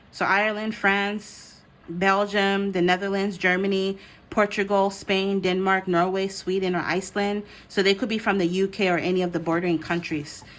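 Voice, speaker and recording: A mid-range, slightly bright voice belongs to a woman giving a conversational tarot reading straight to her listeners. She hosts the session and was born in the United States before growing up in Ghana.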